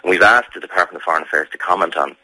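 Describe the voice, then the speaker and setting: Deep, forceful Irish man in interview. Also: racing, slightly rough, dry recording, low-quality recording. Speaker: campaigner interviewed about a family member's case. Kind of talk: radio interview.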